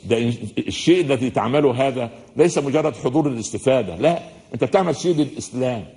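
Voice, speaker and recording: A man with an Egyptian accent giving a religious lecture in a hall, talking fast and mixing formal and everyday speech as he asks the audience questions. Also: medium pitch, animated, mellow. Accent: Egyptian Arabic. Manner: fast-talking, says listeners are used to his speed.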